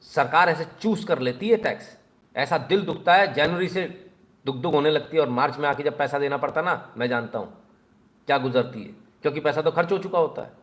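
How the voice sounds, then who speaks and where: A man giving sarcastic news commentary in an animated voice, and he often speaks directly to the people he criticises. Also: on the high side, brisk. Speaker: political commentator.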